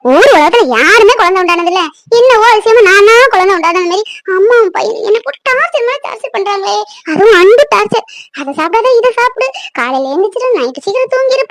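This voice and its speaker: A woman's voice: very high voice, dry recording. A woman voicing a restless young pregnant woman in a cartoon, grumbling to herself.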